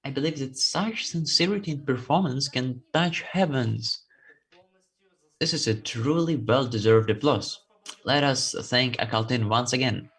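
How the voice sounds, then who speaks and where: Event host, medium pitch, effusive delivery, live presenting style. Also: unhurried, breathy edge.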